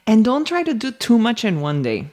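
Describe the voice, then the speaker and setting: A woman co-hosting a casual podcast, telling family stories in an animated way and laughing often. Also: fairly high pitch, normal speed. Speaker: podcast co-host. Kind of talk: casual chat.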